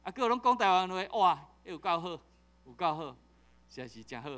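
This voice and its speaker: Here a pastor, middle-aged and Taiwanese-accented, speaks in a high-pitched voice at a fairly quick clip, delivering a jokey sermon of animated storytelling packed with repeated fillers.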